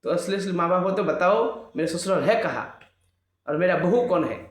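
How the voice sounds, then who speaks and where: A man's voice: high voice, lively intonation, normal speed. A man voicing a sulky four-year-old boy god who pesters his mother with a whiny, pleading voice. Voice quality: childish whining pleading. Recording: echoey room.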